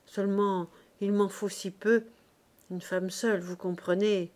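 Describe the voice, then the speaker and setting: A woman's voice: medium pitch, little pitch movement, unhurried, a little mellow, natural voice. A woman reading an audiobook, voicing a wheedling, gossiping old spinster.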